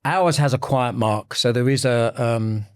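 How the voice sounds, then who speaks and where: Bloke explaining stuff on a podcast, lots of ums, mid pitch, dry close sound. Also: male voice, measured pace, smooth, dry recording. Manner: hesitant, many ums and restarts, explanatory. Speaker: heating sales manager, interview guest. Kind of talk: explanatory interview answers.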